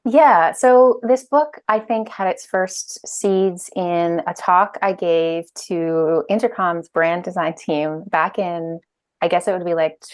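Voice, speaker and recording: A woman's voice: fairly low pitch, fairly even intonation, slow pace. A woman in her thirties, a guest on a video-call interview, talking casually with many fillers and restarts. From Ireland and Canada. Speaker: guest, UX director and author. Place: bright room at home. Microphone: earphone mic on video call.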